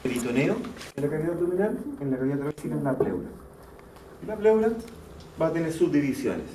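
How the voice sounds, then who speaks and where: A man's mellow, slightly high voice swings widely in pitch as he races through an anatomy class. He goes step by step, repeats the key terms, and checks understanding with "¿ya?". Recorded from a distance, the echoey lecture hall carries faint background noise.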